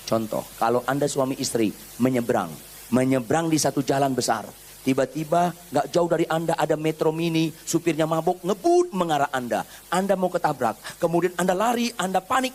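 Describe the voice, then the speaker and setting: A man preaching a sermon, acting out everyday stories and dropping into casual slang. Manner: animated preaching, acts out anecdotes with quoted voices, swings from low to loud; informal Jakarta slang mixed in. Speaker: pastor.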